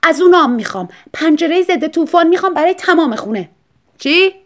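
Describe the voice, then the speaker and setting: A woman voicing a distraught, demanding rich woman writer who shouts her wants. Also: expressive. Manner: loud, shrill outbursts.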